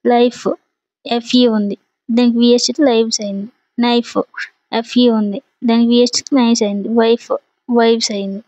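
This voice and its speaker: Woman, Telugu accent, grammar teacher, methodical step-by-step delivery, slightly high voice, dry sound. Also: brisk, long pauses, no room sound, highs cut off. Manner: steady, explains step by step with examples. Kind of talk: explaining a grammar lesson.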